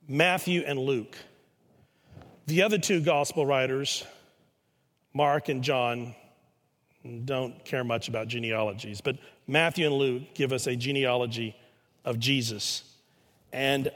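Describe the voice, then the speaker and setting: A man preaching a sermon, retelling a scripture story dramatically with pauses and emphasis. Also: mid-range voice, a bit bright, long reverb tail. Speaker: pastor.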